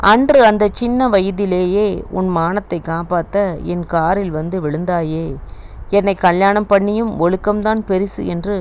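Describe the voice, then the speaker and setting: A woman's voice: fairly low pitch, darkish tone, dull audio, natural voice. A woman reading as a tender young husband.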